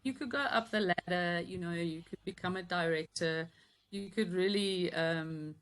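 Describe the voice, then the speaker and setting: A fifties-aged business coach originally from Yorkshire speaks with a smooth, somewhat low voice at normal speed. Years in South Africa have softened her Yorkshire accent. Chatting casually as an interview guest, she sounds warm and thoughtful, with plenty of ums and gentle laughter.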